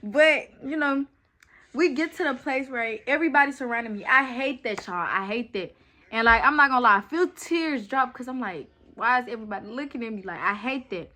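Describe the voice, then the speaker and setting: A young woman with a bright, ringing voice tells a storytime to her viewers. She talks in a loose, chatty way and keeps turning to the audience. Her voice sits a little high. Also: normal speed. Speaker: vlogger telling a story. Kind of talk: casual storytime chat.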